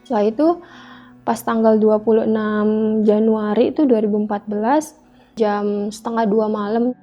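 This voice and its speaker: A woman's voice: mid-range voice, level tone, moderate pace. A woman telling a personal story in an interview, acting out the dialogue as she goes. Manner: re-enacts dialogue, filling speech with "gitu". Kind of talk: emotional first-person storytelling. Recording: dull lo-fi sound with faint background music.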